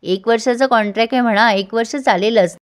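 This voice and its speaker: Polite young wife in a tv serial recap, bit high, a lady reading her lines. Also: brisk, lightly acted. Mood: matter-of-fact. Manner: polite, addresses husband as sir. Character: cheerful young wife in a contract marriage.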